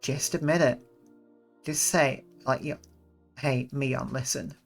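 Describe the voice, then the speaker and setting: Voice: medium pitch, fairly even intonation, takes it slowly, vocal fry, faint music behind. A streamer doing a blind visual novel playthrough, commenting with sarcastic, profane, rambling asides.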